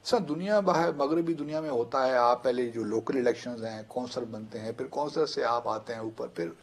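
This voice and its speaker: Husky male pundit, measured and hesitant, long explanatory answers. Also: mid-range voice. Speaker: studio analyst guest. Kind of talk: talk show political discussion.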